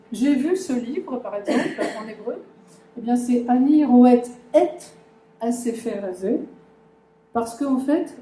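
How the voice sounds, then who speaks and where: Her voice is on the high side with a dark tone as she lectures at a conference about a language. The room echoes, and she keeps stumbling into fillers and restarts while talking to the audience.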